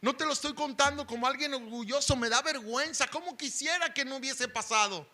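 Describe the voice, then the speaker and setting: High bright-voiced impassioned male preacher. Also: fairly quick. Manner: impassioned testimony, swings from loud pleading to hushed intensity. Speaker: pastor. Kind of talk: sermon.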